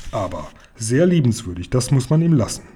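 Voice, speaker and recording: A man voicing a gruff, blustering uncle. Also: medium pitch, sing-song, a little fast, mellow, slight background noise, natural voice. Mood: worried. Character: grumpy, witty middle-aged uncle, pharmacist.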